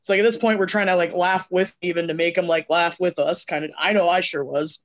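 A man's voice: sits high, steady tone, brisk, fairly bright tone. A man co-hosting a casual drinking podcast, telling a rambling profane story full of fillers. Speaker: podcast co-host.

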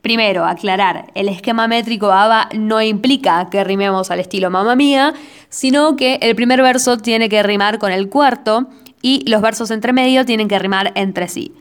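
A woman with an Argentine Spanish accent talks through poetic meter in a relaxed podcast voice of middle pitch. She is playful and self-mocking, slowing right down to count out each syllable. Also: smooth. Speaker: podcast host. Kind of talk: casual teaching podcast.

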